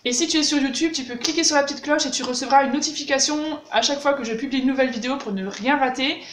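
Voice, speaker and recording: High-voiced woman teaching German. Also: fast talker. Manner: chatty, demonstrates German words with exaggerated pronunciation. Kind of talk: casual video lesson. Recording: echoey room with faint hiss.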